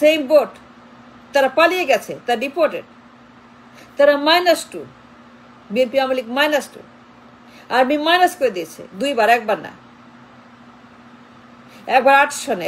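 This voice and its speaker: A woman's voice: sits high, animated, normal speed, pauses often, a little hiss or hum, poor audio. A woman giving a political commentary monologue, emphatic and insistent, driving her points home with repeated rhetorical questions.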